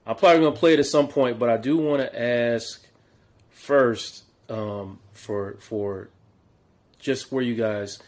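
A man's voice: mid-range voice, unhurried. A man hosting a podcast, asking questions hesitantly with many fillers and restarts. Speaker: podcast host. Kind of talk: casual interview.

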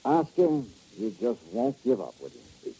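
In a 1950s radio drama, an actor plays a hard-boiled insurance investigator, clipped and sardonic. His mid-range voice is mellow and unhurried with big pitch swings. The muffled old broadcast carries a little hiss or hum.

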